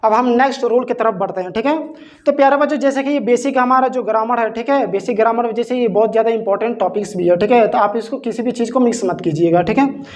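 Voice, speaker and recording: Speaking fast in a very high voice, a man teaches English grammar in classroom style, posing rhetorical questions and spelling out words one letter at a time.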